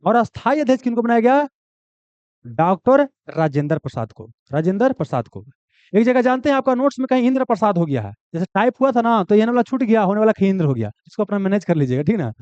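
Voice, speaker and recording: A man's voice: high-pitched, sing-song, quick pace, darkish tone, clear, resonant tone, no room sound. A man teaching an exam coaching class, repeating key answers and asking and answering his own questions. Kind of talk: classroom lecture. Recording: dull, dry, lo-fi sound.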